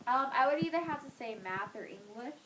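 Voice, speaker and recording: A high-pitched, expressive teenage girl talks a little fast over a noisy background while answering interview questions. She keeps things casual, chatty and full of fillers, often trailing off at the ends of her thoughts.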